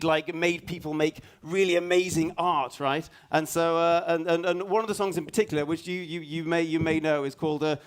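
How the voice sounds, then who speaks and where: A middle-aged man, raised in Norway, speaking at a conference, halting and self-deprecating, full of restarts and fillers. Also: fairly high pitch, clear, resonant tone, no echo. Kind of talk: hesitant conference talk. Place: conference hall stage.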